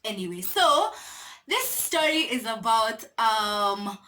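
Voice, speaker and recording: A young Kenyan woman telling a casual storytime to her camera, animated and laughing, dropping Swahili slang into her English. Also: fairly high pitch, takes it slowly, slight background noise. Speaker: vlogger.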